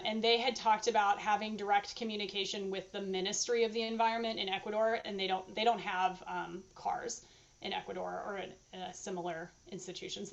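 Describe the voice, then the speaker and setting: A woman's voice: mid-range voice, dull audio. A woman answering questions at her dissertation defense, thinking aloud in a hesitant, hedging, informal academic way.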